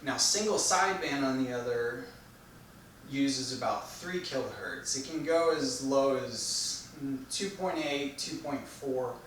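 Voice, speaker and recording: A man delivering an explanatory technical speech in a measured, didactic manner, posing questions and then answering them. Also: mid-range voice, fairly bright tone. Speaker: presenter giving an informational speech. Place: echoey room, recorded from a distance. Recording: very echoey room, distant mic, faint noise.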